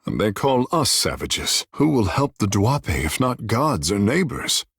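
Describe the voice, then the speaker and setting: Tekēhu, a vain, wildly expressive sea-godling. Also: male voice, lowish voice, a little slow, slightly rough, no echo, studio quality, exaggerated voice. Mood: indignant. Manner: theatrical, haughty, florid formal phrasing with tag phrases. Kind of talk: video game character dialogue.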